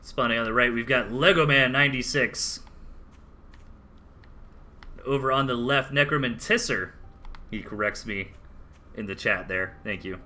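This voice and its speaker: A man's voice: medium pitch, unhurried, long pauses, bright, forceful tone. A man with a Southern US accent casting a strategy game match live, chatty play-by-play with casual asides. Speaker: esports caster.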